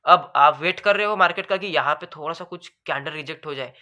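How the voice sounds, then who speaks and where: A man explaining trading charts in a rapid, nonstop lesson, says his throat goes dry, calls viewers brother. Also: on the high side, pushed and bright. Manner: fast, talks continuously without pause; addresses viewers as bhai sahab. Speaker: trading educator. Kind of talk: screen-share chart lesson.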